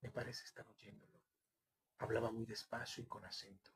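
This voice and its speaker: A man's voice: fairly low pitch, little pitch movement, normal speed, a bit bright, a little hiss or hum. A man reading a distraught grieving mother. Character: distraught mother, middle-aged woman, grieving and self-reproaching.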